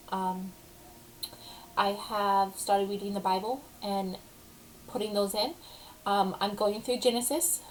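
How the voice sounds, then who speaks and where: Young woman vlogger with a speech impediment, slow and halting, faint room noise. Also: mid-range voice, low-quality recording. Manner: slow, halting, with many ums. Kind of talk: casual personal update.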